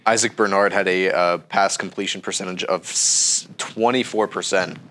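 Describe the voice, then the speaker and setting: A young co-host of a casual sports chat sounds stuffy and under the weather with a cold as he works steadily and methodically through stats, saying "um" frequently. His voice is low-pitched at a moderate pace, with a little hiss or hum on the recording.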